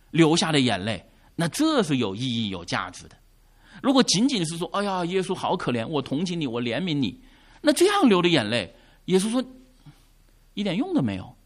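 A man preaching a sermon, who asks the congregation questions and answers them himself, rising to emphatic lines and dropping to quiet asides. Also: a little high. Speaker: pastor.

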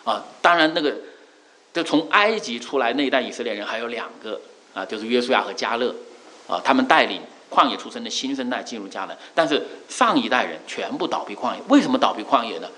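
A middle-aged male preacher giving a sermon, earnest, repeating key phrases with drawn-out fillers. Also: medium pitch, expressive, pushed and bright, poor audio.

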